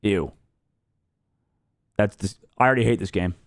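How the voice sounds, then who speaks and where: A man streaming live, reacting out loud and swearing freely as he thinks aloud. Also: fairly low pitch, normal speed. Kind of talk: casual live-stream commentary.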